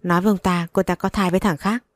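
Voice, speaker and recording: A woman's voice: fairly low pitch, steady tone, very fast, no room sound, natural voice. A woman reading as a cold, arrogant rich young man. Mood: contemptuous. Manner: contemptuous, curt.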